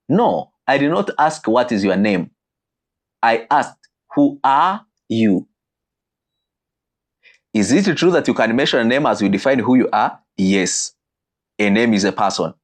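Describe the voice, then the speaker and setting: Teaching about marriage with lots of energy, this man makes sudden leaps in pitch and drags out phrases slowly to drive his points home.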